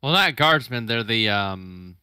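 Bright, smooth-voiced game master man. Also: lowish voice, lively intonation, unhurried, dry recording. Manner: casual, hesitant narration with fillers. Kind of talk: narrating a tabletop game.

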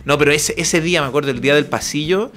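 Chilean man in his 30s, co-host, fairly high voice, animated rambling chat. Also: fast. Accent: Chilean Spanish. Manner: animated, rambling, swears casually. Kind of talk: casual chat.

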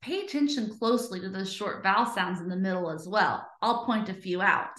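A woman teaching young children a phonics lesson, cheerful and encouraging, sounding out letters slowly and clearly. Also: mid-range voice, a bit bright, roomy sound.

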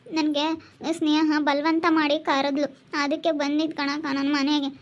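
A humble village woman, played by an actress, explains herself in a soft, slow, pleading tone. Her voice sits high, and the recording sounds dull and lo-fi. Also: flat delivery, close to an everyday voice. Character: quiet, apologetic visiting village woman. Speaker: visiting relative. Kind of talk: village family drama acting.

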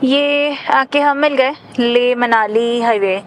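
A woman's voice: fairly high pitch, slow pace, faint music behind, rough recording. Chatty woman vlogging from a car. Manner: chatty, points out sights along the road. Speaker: travel vlogger. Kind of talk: casual travel chat. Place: inside a car on a mountain road.

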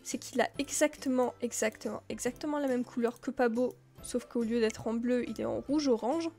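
A woman's voice: a little high, moderate pace, mellow, soft background music. A woman giving casual, rambling commentary as she plays a video game, with many filler words. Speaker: gameplay video creator.

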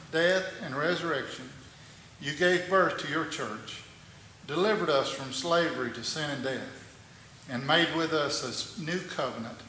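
A pastor leading a communion liturgy in a measured, reverent way, his voice carrying a cathedral echo in a large church sanctuary. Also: a little high, bright, forceful tone. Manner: measured, reverent reading with slow stresses. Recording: echoey church hall from a distance, faint noise.

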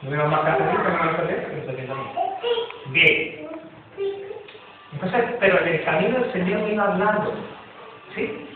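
A man preaches a sermon in a church with a voice that sits high for a man, very animated and a little fast, pausing often. He repeats himself emphatically and leaps suddenly upward in pitch. The tinny, noisy recording comes from far away in a very echoey hall.

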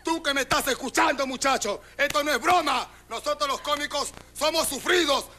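A man with a Peruvian accent doing a stand-up comedy routine, loudly mock-scolding and teasing audience members on a television set. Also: very high-pitched, normal speed. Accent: Peruvian Spanish. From Peru. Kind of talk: street-style comic routine with the audience. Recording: loud crowd and noise behind the voice.

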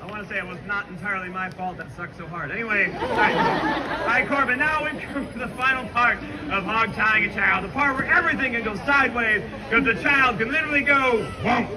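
High-pitched male street performer amid loud crowd. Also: a little fast. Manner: joking, sardonic asides. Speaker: street show performer and host. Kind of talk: live comedy trick show patter to an audience. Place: outdoor fair show ground, filmed from the crowd. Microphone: camera in the audience, at a distance. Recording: outdoor crowd noise, recorded from the audience.

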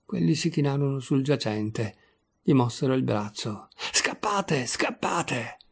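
Gravelly male audiobook reader. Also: medium pitch. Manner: measured, expressive reading. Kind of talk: scripted narration of a literary short story.

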